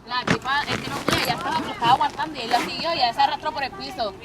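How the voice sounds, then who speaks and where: A woman's voice: high-pitched, steady tone, very fast, a loud crowd. A woman chatting casually in an emphatic, slangy way. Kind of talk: casual chat. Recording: loud outdoor engine noise.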